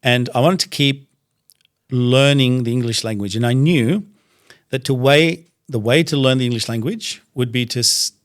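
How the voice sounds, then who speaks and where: Casting: Australian-accented man, guest on a podcast, easygoing storyteller, mid-pitched. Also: moderate pace. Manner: relaxed, anecdotal, frequent fillers. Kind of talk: casual storytelling interview.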